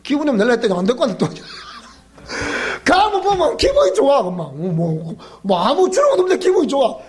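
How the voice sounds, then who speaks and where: A male pastor from South Gyeongsang, Korea, preaches at a weeknight Bible school in a very high, slightly fast voice with huge pitch swings. Speaking with a Gyeongsang accent, he jokes, quizzes the congregation, and laughs often in the church.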